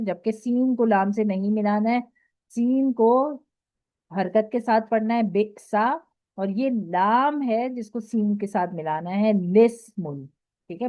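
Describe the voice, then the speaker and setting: A woman with an Urdu accent teaching Quran recitation rules in an online lesson. She explains patiently, keeps checking with "okay", and recites her examples slowly. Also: mid-range voice, warm tone, dry recording. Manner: slow drawn-out recitation of examples. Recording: dry, dull lo-fi audio.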